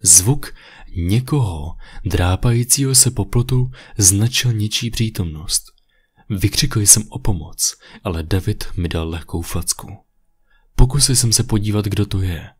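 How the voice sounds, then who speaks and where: Male creepypasta narrator, low and husky, steady read. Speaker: storyteller. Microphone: USB condenser mic.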